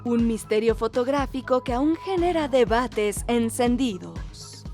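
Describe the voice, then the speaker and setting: A woman's voice: a little high, expressive, measured pace, darkish tone, faint music behind. A woman reading scripted narration in the manner of a nature documentary, as the narrator of a countdown video.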